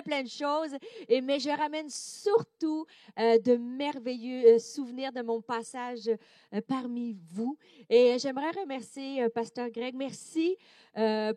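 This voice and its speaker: High-voiced Québécois woman preaching. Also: dry recording, clean studio sound. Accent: Québécois French. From Quebec, Canada. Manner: animated, with frequent hesitations. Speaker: guest preacher. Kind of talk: sermon.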